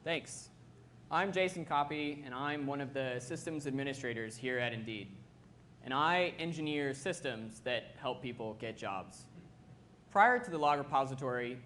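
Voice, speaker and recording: A man's voice: medium pitch, animated, normal speed, a bit bright, slight background noise. A man giving an explanatory technical presentation as a systems administrator.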